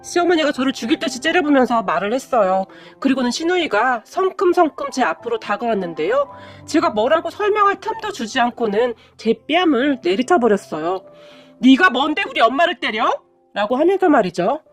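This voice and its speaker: A woman narrating a first-person drama story in a dramatic, expressive storytelling manner. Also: high-pitched, fairly quick, faint music behind.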